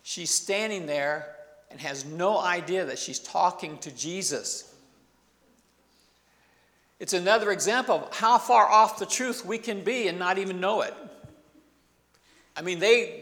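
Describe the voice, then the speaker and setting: A man delivers a sermon in a relaxed, talkative way, pausing to toss rhetorical questions to his listeners. His voice sits a little higher than most men's. A long reverb from the large hall trails after each phrase. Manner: conversational preaching with rhetorical questions and asides. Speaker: pastor.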